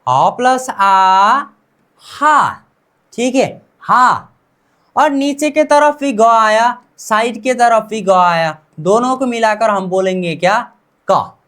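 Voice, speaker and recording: Her voice sits on the high side, slightly bright and slow, as this Indian-accented woman teaches Korean pronunciation in Hindi. She says each word many times over and quizzes her students before revealing the answer.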